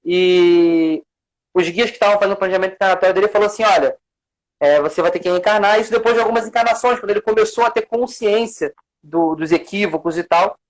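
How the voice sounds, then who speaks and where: A man's voice: high-pitched, quick pace, rough recording. A Brazilian man, a guest on a live stream, teaching by telling stories and acting out the quoted voices. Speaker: spiritist center worker, guest.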